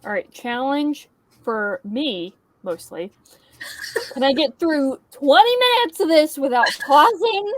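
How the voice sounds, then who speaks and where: High-voiced woman ranting about a movie on a video call, swinging all over the place, swears a lot, kinda tipsy, super dry sound. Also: slow, dry recording. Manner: exasperated, swearing, animated. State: a bit tipsy from whiskey. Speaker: book channel host. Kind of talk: movie reaction commentary.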